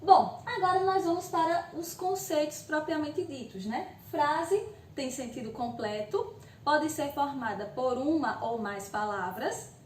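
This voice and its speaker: In this recorded lesson for eighth graders, the teacher is a woman with a high, unhurried voice and a Brazilian Portuguese accent. She patiently walks through the material, frequently checking "ok?" and speaking her students' questions aloud herself. A little hiss or hum runs under the audio, which sounds echoey with her slightly off-mic.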